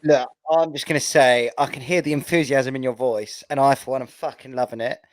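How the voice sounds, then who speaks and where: A man's voice: mid-range voice, fairly even intonation, fairly quick, no room sound. A man, co-hosting a casual podcast chat in an upbeat, cheerful way. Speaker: podcast co-host.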